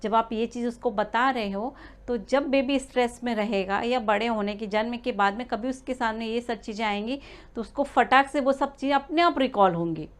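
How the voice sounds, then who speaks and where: A woman's voice: a little high, moderate pace, few pauses. A woman giving a spoken lesson to expecting mothers, explaining step by step with frequent "uh" fillers and small restarts. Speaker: prenatal learning coach.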